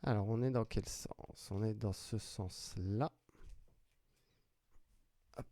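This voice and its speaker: Opening card packs live, this trading card break host calls out every player he pulls, one name at a time. He speaks slowly in a lowish, mellow voice with a steady tone. His casual, chatty delivery is sprinkled with fillers and restarts.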